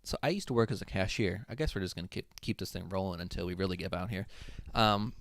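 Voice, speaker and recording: A young man hosting a livestream in casual chat, talking loudly and animatedly to his viewers, his voice worn. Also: low voice, fast talker, vocal fry, dry recording, clean studio sound. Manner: loud, animated, talks to chat. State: voice giving out. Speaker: livestream host.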